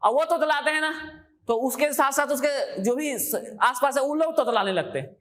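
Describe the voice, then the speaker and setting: A woman's voice: high-pitched, normal speed, fairly bright tone. A woman teaching an exam coaching class in a classroom, repeating key terms and quizzing her students with questions.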